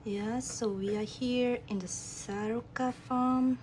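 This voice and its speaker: Slow, calm woman demoing software. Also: on the high side, a little hiss or hum. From Vietnam. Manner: calm, guiding the viewer step by step. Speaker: program applicant demoing her task. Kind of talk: screen-recorded software demo.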